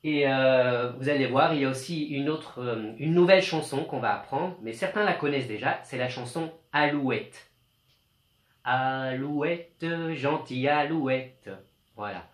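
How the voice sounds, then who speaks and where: A male teacher giving a slow, clear home lesson to young children, speaking patiently. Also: medium pitch, roomy sound.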